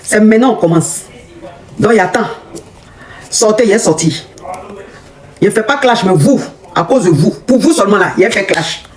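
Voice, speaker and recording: Woman coach ranting, scolding and mocking. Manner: scolding, mocking, repetitive, shouting rises in pitch. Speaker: online relationship coach. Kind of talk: angry rant on a live video.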